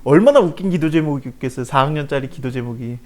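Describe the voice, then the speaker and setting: A man's voice: mid-range voice, fast. A man leading a Bible study, talking casually and acting out quoted prayers with feeling. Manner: animated, laughs while telling stories, acts out quoted prayers. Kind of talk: casual Bible teaching talk.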